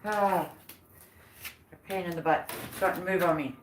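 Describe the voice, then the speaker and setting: A woman's voice: lowish voice, steady tone, moderate pace. A woman chatting to her viewers while she works in her workshop, breathing hard from the effort. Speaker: woodcarving vlogger. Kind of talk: casual chat while working. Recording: roomy workshop sound, mic at a distance, noisy.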